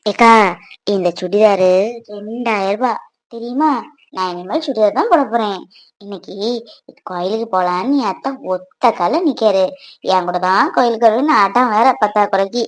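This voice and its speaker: A woman's voice: a little high, dry recording, voice pushed down, natural voice. A woman voicing a vain, chatty young village woman showing off her new dress, in a cartoon. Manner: showy, gossipy, giggly chatter. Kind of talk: cartoon voice acting.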